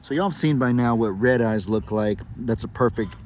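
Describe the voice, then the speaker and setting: A man co-hosting on a farm, explaining things in a relaxed, plain-spoken way while recorded outdoors. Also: mid-range voice, normal speed, noisy background. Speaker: co-host on the farm. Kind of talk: casual explanatory chat.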